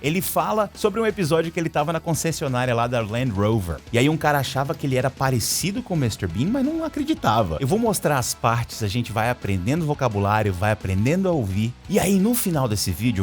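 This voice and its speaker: A man from Brazil teaching English in Portuguese, repeating phrases slowly to model pronunciation. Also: medium pitch, sing-song, soft background music. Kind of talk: English lesson explained in Portuguese.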